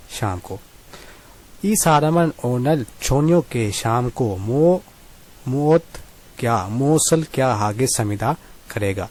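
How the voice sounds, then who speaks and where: A male language teacher with a mid-pitched voice works through a reading lesson. He reads each sentence slowly, repeats it, then explains it by asking a question and answering it himself. He keeps a patient, polite tone throughout. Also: darkish tone. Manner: asks and answers his own questions, polite "ji" filler.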